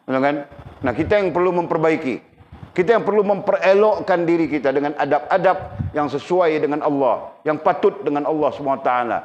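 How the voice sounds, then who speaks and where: Middle-aged male religious teacher, animated lesson with questions to the audience, muffled lo-fi recording with light noise. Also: on the high side. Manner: lively, asks the audience questions. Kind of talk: sermon. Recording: dull lo-fi recording with faint noise.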